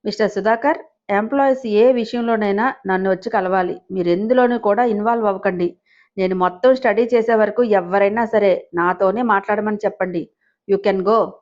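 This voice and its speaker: A woman's voice: mid-range voice, normal speed, darkish tone, lightly acted. In this audio storybook, a cocky young husband playing boss teases and hams it up, read by a woman. He talks in a mock-dramatic way. The recording sounds a little dull and muffled. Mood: teasing.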